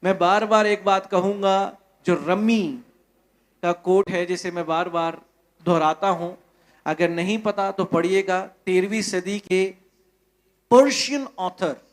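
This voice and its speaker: A man preaches a sermon in an Indian Hindi accent, unfolding a parable in a slow, deliberate way. His voice sits high for a man, and he swings from loud, urgent peaks to hushed, quiet lines. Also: fairly even intonation. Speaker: pastor. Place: church.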